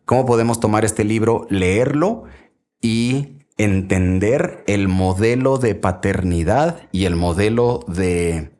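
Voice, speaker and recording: A man with a Mexican Spanish accent and a somewhat low voice talks about fatherhood and faith. He sounds earnest and conversational, like a dad sharing with other parents. He slips into little acted-out quotes now and then. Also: slow, a little mellow. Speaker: podcast host, father giving parenting advice. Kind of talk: faith-based parenting talk.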